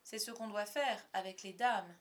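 A woman's voice: medium pitch, moderate pace, lightly acted. A woman voicing an eager dim little boy. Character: eager, slow-witted young boy follower.

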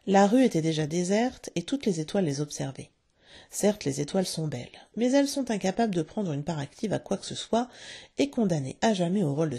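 A woman reading a storybook aloud with expressive, lively narration. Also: fairly low pitch, vocal fry, slightly rough.

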